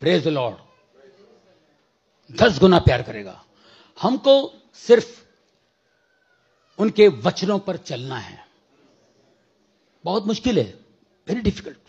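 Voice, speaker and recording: A man's voice sits high, with big pitch swings and a breathy edge, moving slowly with long pauses on a muffled recording. Preaching a testimony in church, he tells his story with acted dialogue and English phrases, breaking into shouting prayer.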